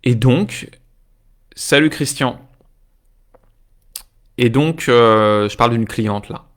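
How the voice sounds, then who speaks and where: A man coaching viewers through a live stream, with a voice of middle pitch. He talks off the cuff, full of small hesitations and asides to his audience. He drags out his key phrases for emphasis. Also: slow pace. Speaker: life coach. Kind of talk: live-streamed motivational talk.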